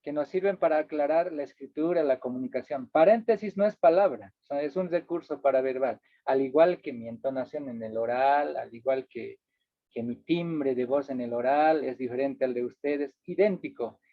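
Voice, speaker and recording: A man's voice: mid-range voice, normal speed, no room sound. A man with a Bolivian Spanish accent teaching a workshop over slides, explaining step by step and checking in with his listeners. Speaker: workshop instructor. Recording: dry, tinny phone-like sound.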